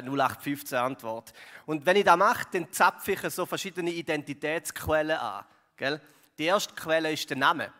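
Long reverb from a hall surrounds a man with a Swiss German accent delivering a conversational sermon as pastor. His voice is a little high and sharp, and his talk is full of fillers and tag questions like "gell" and "oder."

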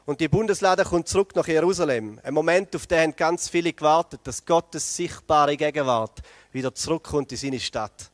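Man preaching, slightly high voice, dry close sound, animated storytelling. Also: normal speed, dry recording. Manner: animated storytelling, addresses the congregation directly. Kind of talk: lively sermon.

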